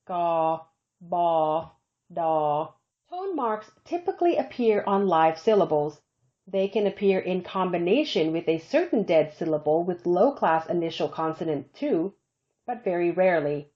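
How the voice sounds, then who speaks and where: A woman narrating a scripted language lesson, slowing down carefully to demonstrate example syllables. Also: medium pitch. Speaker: language instructor. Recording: dull lo-fi screencast audio.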